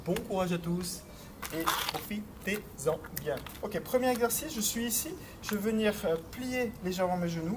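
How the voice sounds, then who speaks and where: Man coaching a workout over noise. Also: sits high. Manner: hesitant with many fillers, urging and counting beats. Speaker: fitness coach. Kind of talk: workout instruction while exercising. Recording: noisy recording with clicks.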